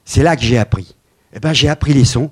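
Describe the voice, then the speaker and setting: A man in his seventies giving a lively lecture with slides, swinging from loud emphasis to quiet asides. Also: mid-range voice, fairly quick, slightly rough. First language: French. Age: 70s.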